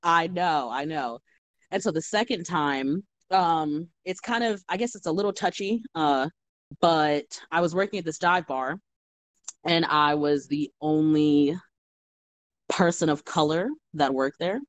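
A young woman, a bartender, telling stories in a casual, animated chat full of fillers. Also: deep voice, a little slow, no room sound. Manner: animated storytelling with many fillers. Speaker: guest bartender.

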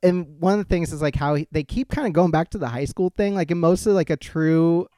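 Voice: medium pitch, a little fast, dark tone, no echo, clean studio sound. A podcast co-host in casual chat who rambles, jokes and laughs often.

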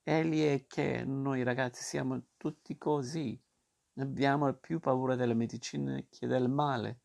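A man's voice: medium pitch, fairly even intonation, measured pace, creaky, a little mellow. A man reading a storybook aloud and voicing a stubborn, whiny wooden puppet boy in a raised voice. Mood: cheerful. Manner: whiny, protesting.

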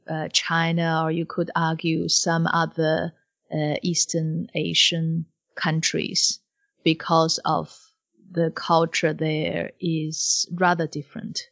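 A woman co-hosting an explanatory podcast discussion, choosing her phrasing carefully and with some hesitation. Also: low-pitched. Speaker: podcast co-host.

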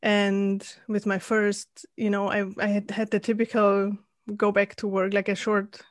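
A woman from Austria, a guest coach, telling her story in a thoughtful interview with frequent pauses and restarts. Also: mid-range voice, completely flat delivery, no room sound, clean studio sound. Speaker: guest, life and leadership coach. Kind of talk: casual interview conversation.

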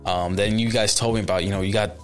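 A man's voice: on the low side, steady tone, quick pace, faint music behind. A man chatting casually as a podcast guest, laid-back and eager, calling his friend "bro" and "dude.".

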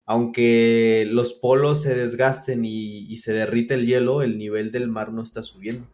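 A man's voice: mid-range voice, little pitch movement, unhurried, a little mellow. A man with a Mexican accent and a congested, stuffy nose from a cold, co-hosting a casual podcast chat. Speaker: podcast co-host.

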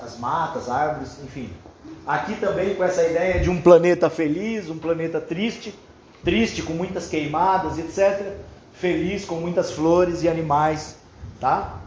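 A man's voice: a little high, a little mellow. A man with a Brazilian accent addresses a class of children like a kindergarten teacher, encouraging them with simple instructions and checking questions. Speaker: workshop leader for schoolchildren. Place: roomy classroom indoors. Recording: echoey classroom with faint background noise.

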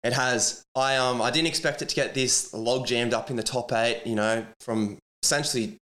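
A man's voice: mid-range voice, fairly even intonation, normal speed, fairly bright tone. Blokey Aussie man hosting, tradie-style matey chat. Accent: Australian. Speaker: sports podcast host. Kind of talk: casual sports chat.

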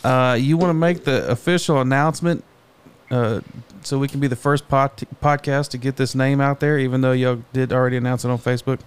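A man's voice: medium pitch, fairly even intonation, brisk, clean tone. A man hosting a casual podcast, playful and teasing, laughing often and joking with guests. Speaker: podcast host.

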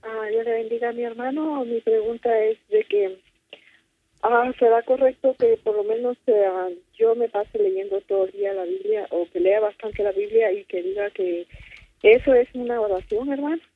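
A woman's voice: a little high, animated, normal speed. A woman calling in, asking a question in a hesitant, unsure way. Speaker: caller. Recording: tinny phone line.

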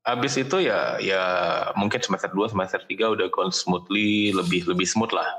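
A fairly low-pitched Indonesian man talks in a colloquial Jakarta accent. He explains himself casually, slipping English phrases into slangy speech. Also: steady tone, moderate pace, a bit bright, slight background noise. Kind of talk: casual chat.

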